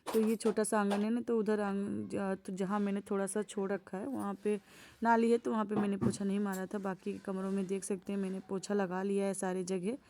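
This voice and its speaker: A woman's voice: mid-range voice, flat delivery, a little fast. A woman vlogger narrating her daily chores in a homely, chatty voice-over. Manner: homely, chatty, gentle storytelling.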